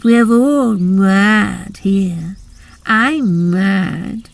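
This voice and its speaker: A woman voicing a sly, grinning mad cat in a storybook reading, with slow, deliberate, drawn-out words. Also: mid-range voice, gravelly, dry recording, recorded from a distance. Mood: sly, languid.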